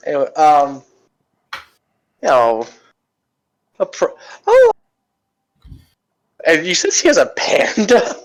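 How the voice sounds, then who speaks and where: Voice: medium pitch, huge pitch swings, slow pace, pauses often, rough recording. A tabletop game player chatting casually, hesitant and bemused, feeling out what to say in character. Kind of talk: casual chat.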